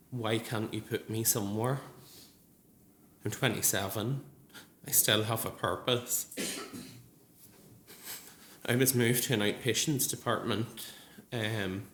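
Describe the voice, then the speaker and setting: Man, early thirties, low voice, earnest testimony speech, echoey hall. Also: a bit bright, a little hiss or hum. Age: 30s. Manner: earnest, measured, with frequent ums. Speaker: nurse speaking at a support group event. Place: large gallery hall. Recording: echoey hall with faint ambience.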